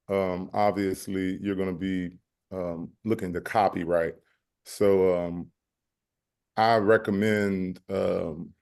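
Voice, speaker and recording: A man explaining music copyright on a panel in a measured way, pausing often with fillers. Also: deep voice, darkish tone.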